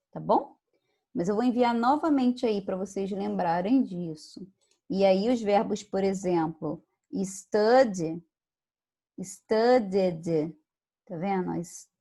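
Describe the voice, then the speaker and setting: A woman's voice: medium pitch, darkish tone. A woman English teacher from Brazil giving an online lesson, patiently repeating words and checking in with her students. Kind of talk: online lesson explaining pronunciation.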